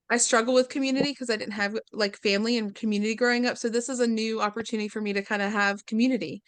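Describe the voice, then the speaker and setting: A woman's voice: mid-range voice, clear, resonant tone, no echo. A woman sharing earnest, reflective thoughts in a community group meeting, with some fillers. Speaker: community arts meeting participant.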